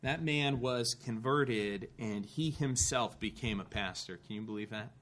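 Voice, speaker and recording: A man's voice: medium pitch, measured pace, fairly bright tone. Man preaching an earnest sermon. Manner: earnest storytelling with rising emphasis and dry asides. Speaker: pastor. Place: church.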